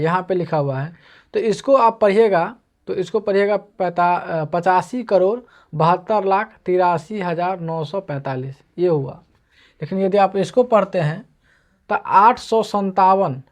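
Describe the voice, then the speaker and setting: A man's voice: high voice, a little mellow. A man teaching an online math lesson, explaining patiently and going over each step again and again. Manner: patient, repetitive explaining, walking through steps.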